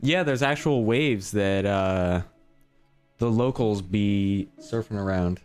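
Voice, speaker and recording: Laid-back low-voiced podcast dude. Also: male voice, darkish tone, clear, resonant tone, faint music behind. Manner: laid-back surfer-ish slang, quick jokey asides. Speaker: podcast co-host. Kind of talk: casual chat.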